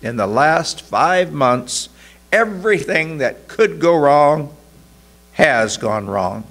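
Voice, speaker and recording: A woman's voice: mid-range voice, wildly swooping pitch, slow, vocal fry, a little mellow, husky, pitched above the performer's own voice, exaggerated voice. A man voicing a troubled woman customer who stammers and blurts things out. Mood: flustered. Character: troubled young woman customer, flustered and blunt.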